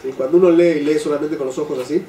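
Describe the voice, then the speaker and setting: An older man leading a Torah class for a live group, often checking in with "¿sí?" and slowing down to stress key phrases. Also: on the high side, steady tone, dark tone. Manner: keeps asking "¿sí?" to his listeners. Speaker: Torah teacher. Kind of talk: religious class lecture. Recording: echoey room, voice from a distant mic, faint background noise.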